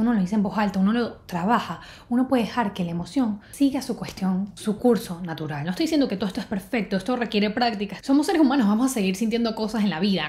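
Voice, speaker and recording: A young woman with a slightly high voice talks in a casual, heartfelt way. She sounds like she is confiding in a close friend, and she gives lively little voices to her own inner thoughts. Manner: warm, confiding, animated, acts out inner voices. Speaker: vlogger. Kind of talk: casual heartfelt self-help chat.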